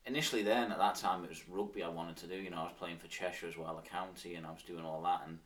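A man speaks in a low-pitched voice with a strong Manx accent from the Isle of Man. He chats casually as an interview guest. He sounds a little way back from the microphone. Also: fairly even intonation, quick pace, far from the mic. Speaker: podcast guest, cyclist. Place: podcast studio.

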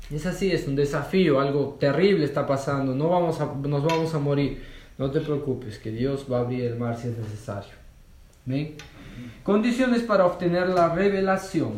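A man's voice: a little high, darkish tone. A man teaching a conversational Bible lesson, telling personal stories with fillers and rhetorical questions. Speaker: church cell group leader teaching a course. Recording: roomy echo.

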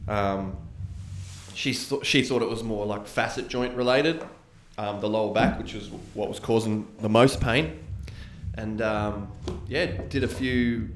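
A man's voice: lowish voice, a little slow. A man chats casually and informally as a podcast co-host, matey and full of slang, in a roomy recording. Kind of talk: casual chat. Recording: roomy echo with clear background noise.

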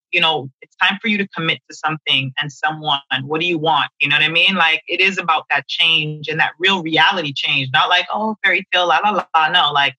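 This is a woman astrologer chatting casually on a podcast. Her voice is strikingly bright, and she talks in loose, rambling sentences full of fillers. The recording is close and completely dry. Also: low voice, no room sound, rough recording. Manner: chatty, frequent "you know" fillers.

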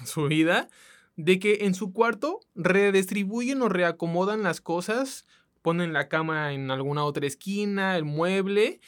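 A woman from Mexico with a coastal accent, co-hosting a casual podcast in a colloquial, chatty way that speaks straight to listeners. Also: lowish voice. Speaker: podcast co-host.

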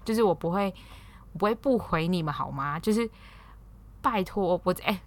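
A woman's voice: fairly low pitch, lively intonation, moderate pace. A woman in her twenties with a Taiwanese Mandarin accent, hosting a casual solo podcast and rambling through a story with many restarts. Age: 20s. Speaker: podcast host.

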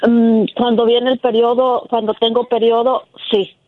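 A woman's voice: on the high side, level tone, measured pace, no room sound. A woman in her fifties calling in by telephone, telling her personal story hesitantly with frequent filler words, on a tinny line. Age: 50s. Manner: hesitant, filler-heavy with repeated "este". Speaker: caller. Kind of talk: personal account to a call-in host.

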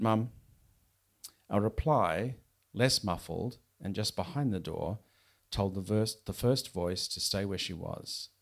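A man's voice: fairly low pitch, vocal fry, a little mellow. A man, an author chatting wryly and reading aloud from his novel at a bookshop event. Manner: chatty, wry, with fillers and restarts.

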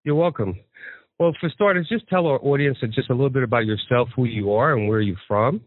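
A man hosting a radio interview show, asking questions in a halting way with uhs and quick laughs. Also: medium pitch, dry recording. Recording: tinny phone-like line, dry.

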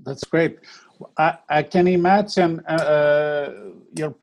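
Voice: mid-range voice, steady tone, slow, a little mellow. A podcast host interviewing a guest over a call, hesitant with fillers. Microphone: video call.

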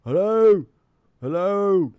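A man voicing a grumbling, frustrated male captain in a tabletop game, gruff and curt. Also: fairly low pitch, moderate pace, dry recording, highs cut off, close to an everyday voice. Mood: calling out.

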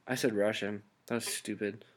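A young man hosting a podcast, riffing absurd jokes in a deadpan way and laughing often. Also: on the low side, moderate pace. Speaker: podcast host. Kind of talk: joking casual chat.

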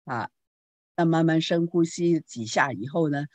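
A woman pastor giving a teaching talk on parenting, telling anecdotes in a lively way and asking the audience questions. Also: low-pitched, a little slow, dry recording. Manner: lively storytelling with rhetorical questions.

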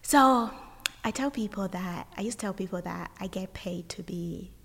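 A woman from Uganda, a guest talking casually in an interview, energetic and thoughtful, often restarting her sentences. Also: medium pitch, normal speed, vocal fry, breathy edge, big-room sound.

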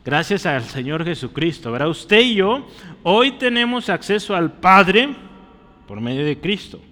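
A man's voice: sits high, sing-song, unhurried, bright, forceful tone. A man preaching a sermon, teaching and often asking his listeners short questions. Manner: teaching, asks the congregation questions. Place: church. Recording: long church reverb.

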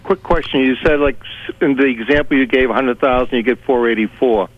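A man's voice: mid-range voice, a little fast. Man, caller, over the phone, dull muffled line, polite, short plain questions. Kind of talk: call-in question to a radio show.

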